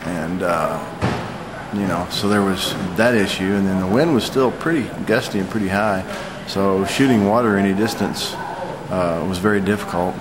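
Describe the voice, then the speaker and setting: A man in his forties giving an unscripted, matter-of-fact eyewitness vlog report, speaking haltingly. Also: low voice, background noise. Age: 40s. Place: hotel lobby, indoors.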